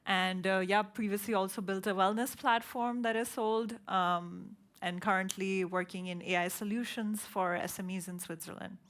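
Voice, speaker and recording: A woman raised in India, giving a brisk, matter-of-fact introduction of her tech career on a conference panel. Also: medium pitch, steady tone, a bit bright. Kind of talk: panel discussion.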